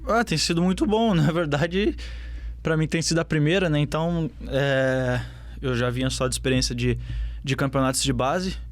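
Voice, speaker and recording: Speaking at a moderate pace with no echo, a young adult footballer guest with a southern Brazilian accent casually answers interview questions. His voice sits on the high side, and his answers are peppered with fillers and restarts.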